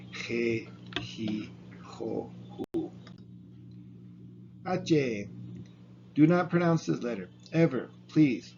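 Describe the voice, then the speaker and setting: Guy teaching pronunciation, slow and patient, kinda dull lo-fi audio w faint hum. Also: medium pitch, darkish tone. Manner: patient, repeats syllables slowly, chuckles at own slips. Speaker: language teacher. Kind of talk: spoken pronunciation lesson. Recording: dull lo-fi sound, faint room noise.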